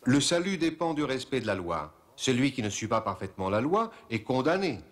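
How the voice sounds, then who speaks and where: An actor playing a stern, defensive Pharisee who insists on the law in a dubbed historical drama. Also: male voice, fairly quick, close to an everyday voice. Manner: insistent, lively pitch. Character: stern male Pharisee, middle-aged, defensive. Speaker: interviewee.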